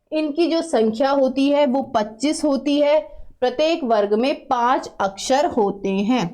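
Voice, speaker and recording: A woman's voice: high voice, a little mellow. A woman teaching a grammar lesson patiently, repeating sounds and asking students to try them aloud. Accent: Uttarakhand Hindi. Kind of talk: classroom lesson.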